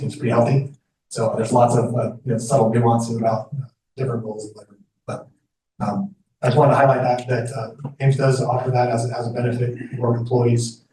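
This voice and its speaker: A man's voice: medium pitch, mellow. Male staffer reporting informally at a meeting, level delivery, picked up from afar with faint room noise. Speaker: college staff representative giving a report. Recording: echoey meeting room, distant mic, background noise.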